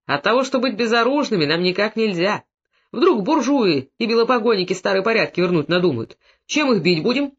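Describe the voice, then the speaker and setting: A man's voice: sits high, animated, fairly quick, a bit bright, breathy edge, heavily acted. A man reading an audiobook, voicing a boastful, hot-tempered male Cossack soldier. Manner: boastful, then furious and threatening. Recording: dull lo-fi recording.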